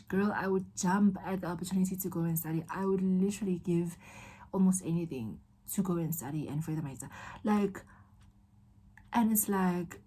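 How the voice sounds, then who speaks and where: A young woman pours her heart out in a confessional vlog, her voice soft, dark and warm in tone. She rambles emotionally and keeps calling the listener girl and babe, as if talking to a close friend. Her words come through with a breathy, husky edge. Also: fairly low pitch. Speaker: vlogger.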